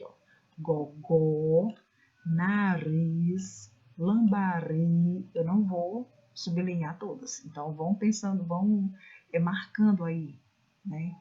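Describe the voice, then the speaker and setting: Brazilian female teacher, low mellow voice, patient and didactic, recorded online class, dull lo-fi sound. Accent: Brazilian Portuguese. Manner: patient, didactic, often pointing out the slides.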